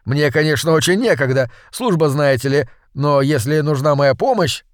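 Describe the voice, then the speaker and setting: A man voicing a calm, sly gentleman speaking with mock courtesy. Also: on the high side, normal speed, no room sound, studio quality, lightly acted. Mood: suave. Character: smooth, sly adult man, feigning innocence.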